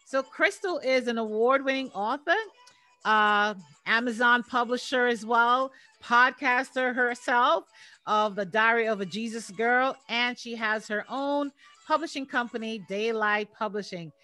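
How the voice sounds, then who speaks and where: A woman's voice: on the high side, unhurried, sharp tone. A woman hosting a faith-based podcast, upbeat and welcoming, laughing often with her guest. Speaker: podcast host.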